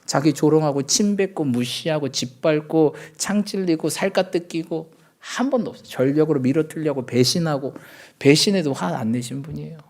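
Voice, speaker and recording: Animated Korean man preaching a sermon. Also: a little high, moderate pace. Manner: animated preaching with acted-out everyday quarrels; asks the congregation for agreement. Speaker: pastor. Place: church, Friday night service.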